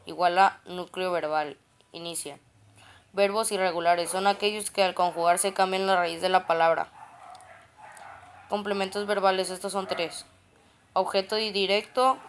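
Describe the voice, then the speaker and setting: A woman's voice: on the low side, steady tone, normal speed, pauses often, a little hiss or hum. A woman reading grammar study notes aloud, stepping through terms and definitions and often restarting words.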